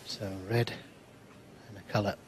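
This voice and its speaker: A man giving measured snooker commentary in short, unhurried phrases. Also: on the low side, level tone, slight background noise. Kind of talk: sports commentary. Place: live snooker broadcast commentary.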